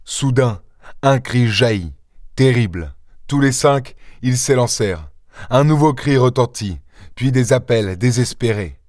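A man reading a short story aloud in a measured, low-key narrating voice. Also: animated, darkish tone, dry recording, studio quality. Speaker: audiobook reader. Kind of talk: scripted narration.

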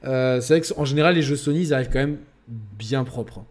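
A man's voice: mid-range voice, a little fast. A man hosting a casual gaming podcast, rambling with many fillers. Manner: rambling, lots of fillers, gets excited and laughs. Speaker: podcast host.

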